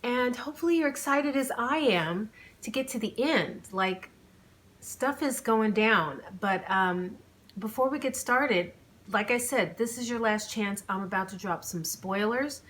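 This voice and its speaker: Here a woman speaks a little high and a little slow, her tone a bit bright over slight background noise. She hosts a channel and writes novels; after an informal, chatty intro she moves into audiobook narration of her own book.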